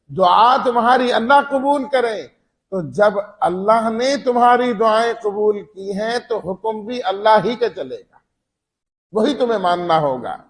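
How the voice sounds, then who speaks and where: A man teaching Quran commentary in a sermon style, reciting verses and then explaining them point by point in an earnest manner. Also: sits high.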